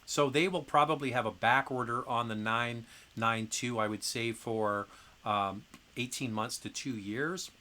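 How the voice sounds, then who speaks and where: A middle-aged man hosts a live car Q&A stream, his medium-pitched voice pushed and bright as he moves at a measured pace. He chats casually and rambles, full of fillers and restarts, coughing now and then from acid reflux.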